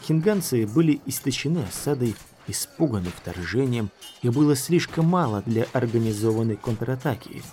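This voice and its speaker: Man, audiobook narration, measured storytelling, faint noise behind. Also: mid-range voice, lively intonation, warm tone.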